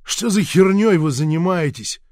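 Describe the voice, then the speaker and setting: A blunt, fed-up teenage boy snaps rudely in a fairly high male voice, as the narrator puts him on. The recording is dry. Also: animated, moderate pace, a little mellow, dry recording. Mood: angry. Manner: blunt, rude.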